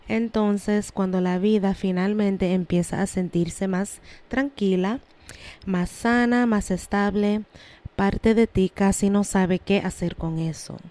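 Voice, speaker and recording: Woman, young adult, solo podcast host; unhurried, calm, earnest delivery. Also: medium pitch. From Lawrence, Massachusetts, USA. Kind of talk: reflective solo podcast monologue.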